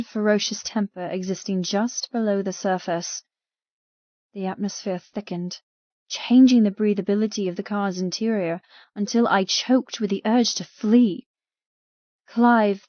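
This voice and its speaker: An audiobook narrator reads a dramatic first-person novel in the role of a frightened young woman held captive, telling her own story. Her voice is medium-pitched with a dark tone; the audio is dull, without room sound.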